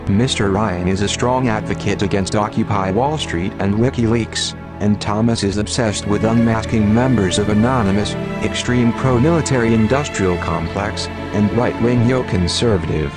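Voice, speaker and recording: A man reading a scripted statement as an anonymous spokesman in a disguised deep voice, grave and measured. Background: music.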